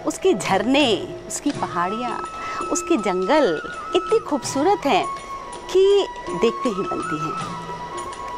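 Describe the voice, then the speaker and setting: A woman storyteller speaks slowly to children, her voice swooping widely in pitch. Music plays clearly underneath her as she introduces a folk tale. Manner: warm, addressing children directly. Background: background music.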